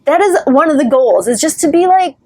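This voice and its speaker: A woman's voice: sits high, animated, a little fast, mellow. A woman giving earnest, reassuring advice straight to camera as a recovery vlogger, with the odd wry joke. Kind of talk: encouraging direct-to-camera advice.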